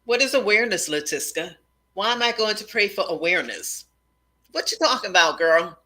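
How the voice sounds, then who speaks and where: A woman's voice: medium pitch, expressive, a little fast, sharp tone, poor audio. A woman hosting a casual spiritual conversation, teacherly and repeating key points. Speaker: host.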